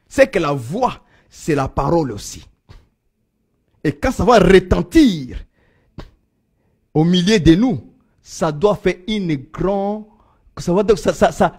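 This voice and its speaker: A man preaching a sermon, swinging from loud proclaiming to low murmurs. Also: slightly rough.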